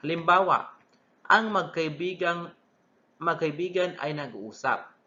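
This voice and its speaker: Slow, bright-voiced young man teaching. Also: fairly high pitch. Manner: deliberate, repeats terms, self-corrects mid-word. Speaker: student teacher. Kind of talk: recorded classroom lesson. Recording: dull lo-fi recording.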